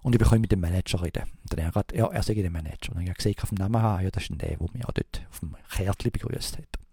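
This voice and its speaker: Gravelly, fast-talking Swiss German man. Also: sits low, mellow, no room sound, studio quality. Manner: rambling, halting, many fillers and restarts, imitates thumping sounds. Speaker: storyteller. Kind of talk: casual spoken anecdote.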